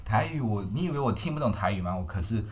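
A man's voice: lowish voice, expressive, fast. A man from Malaysia hosting a podcast, chatting playfully and mixing in English phrases. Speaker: podcast host. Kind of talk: casual chat.

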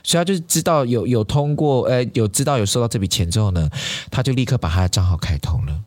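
A man telling a story in a casual podcast chat, animated and quick to laugh. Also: medium pitch, no room sound. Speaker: podcast co-host.

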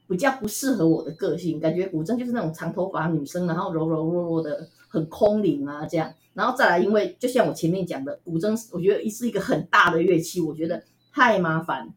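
A woman from Taiwan with a Taiwanese Mandarin accent, telling stories as an interview guest in a chatty, animated way with frequent laughs. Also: on the low side, a little fast. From Tainan, Taiwan. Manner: chatty, animated, laughs often, many fillers. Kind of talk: casual storytelling interview.

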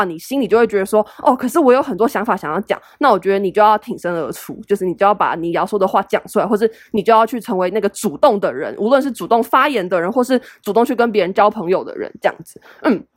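Fast-talking Taiwanese Mandarin woman. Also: mid-range voice, no room sound, studio quality. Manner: chatty, self-deprecating, lots of fillers. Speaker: podcast host. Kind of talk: casual solo podcast advice.

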